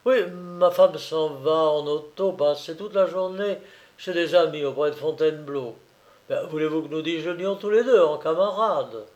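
A man reading a novel aloud, voicing an eager young male illustrator with lively, emphatic delivery. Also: fairly high pitch, normal speed, close to an everyday voice. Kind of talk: audiobook character reading.

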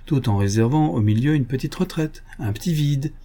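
A man reading the part of a cocky, mocking gentleman thief in an audiobook, taunting and condescending. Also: mid-range voice, lively intonation, moderate pace, pitched above the performer's own voice.

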